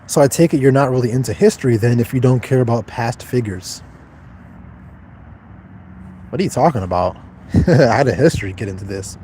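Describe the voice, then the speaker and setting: Mellow-voiced young man, blunt and offhand. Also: mid-range voice, normal speed, pauses often, slight background noise. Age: 20s. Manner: blunt, profane, detached and offhand. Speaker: livestreamer reading chat. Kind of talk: casual livestream chat.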